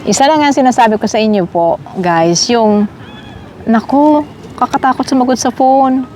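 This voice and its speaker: A middle-aged woman from the Philippines chats with her viewers while strolling outdoors in a park. Her voice sits at an ordinary pitch, and her talk is friendly and conversational. Faint park ambience and distant traffic hum in the background. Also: a little mellow. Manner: chatty, addresses viewers as guys. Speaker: vlogger. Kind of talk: casual walking vlog.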